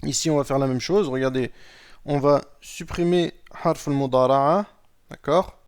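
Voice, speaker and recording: Slow, patient man teaching Arabic grammar. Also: a little high, clear, resonant tone. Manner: patient, explains step by step, often asks "d'accord?"; reads Arabic sentences aloud, then translates them. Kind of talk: recorded lesson explaining Arabic grammar.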